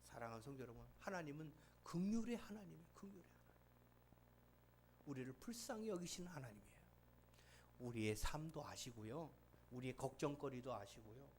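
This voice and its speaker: A man pastor preaching a sermon in animated storytelling, swinging from loud exhortation to hushed asides. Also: a little high, a little fast, pauses often, slight background noise.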